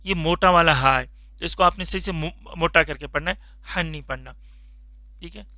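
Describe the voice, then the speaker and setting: A man teaching a Quran reading lesson, slowly drawing out each letter sound for learners to repeat, patient and instructive. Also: a little high, bright, forceful tone, dry recording. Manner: slow drawn-out recitation of letter sounds for repetition. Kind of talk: Noorani Qaida tajweed lesson.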